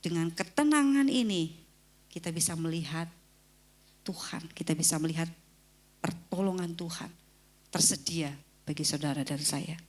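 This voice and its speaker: A woman preaching a sermon, lively, acting out quotes in a raised voice and dropping to near-whispers on key phrases. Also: moderate pace, pauses often. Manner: lively, acts out voices of scripture figures with sudden high pitch.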